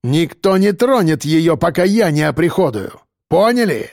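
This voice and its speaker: A man's voice: fairly high pitch, big pitch swings, moderate pace, a little mellow, no echo. Brutal male convict ringleader voiced by a man, coarse and domineering; dry audiobook read. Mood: commanding. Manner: coarse, barking slang threats.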